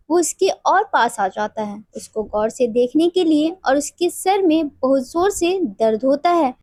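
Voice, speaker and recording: A woman narrating a drama episode recap in a steady, lightly dramatic storytelling manner. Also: high voice, no echo, clean studio sound.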